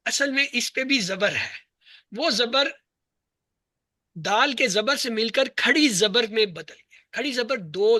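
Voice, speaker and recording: A man teaches Arabic grammar in a classroom lesson, walking through each example slowly and letter by letter. He keeps asking the class a question and then answering it himself. His voice is bright and forward, recorded close and dry with almost no room sound. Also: sits high, dry recording. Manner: slow, spelled-out listing of letters and words.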